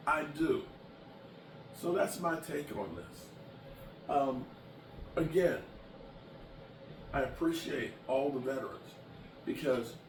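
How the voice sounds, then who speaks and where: A man in his late fifties talks bluntly and emphatically to his viewers, his voice pitched in a middle range. He sounds set back from the microphone in an echoey room. A clear hum of background noise runs underneath. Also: recorded from a distance. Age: 50s. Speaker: sports vlogger. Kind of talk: casual chat to camera.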